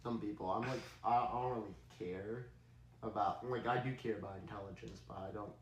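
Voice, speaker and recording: A man's voice: on the low side, fairly even intonation, a little fast, roomy sound, slight background noise, low-quality recording. A teenage boy in a casual chat, teasing and full of fillers.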